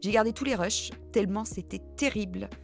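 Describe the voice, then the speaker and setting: There's vocal fry in this middle-aged woman's mid-range voice, and she talks fairly quickly over faint music. As host of a reading channel, she casually takes viewer questions, joking at her own expense and hesitating with many fillers.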